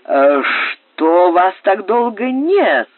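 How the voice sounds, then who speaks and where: A man reading an audiobook voices a fussy, chattering young aristocrat with drawn-out, sing-song lines. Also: sits high, sing-song, no echo, pitched above the performer's own voice, exaggerated voice. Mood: fussing. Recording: dry, phone-like narrow sound.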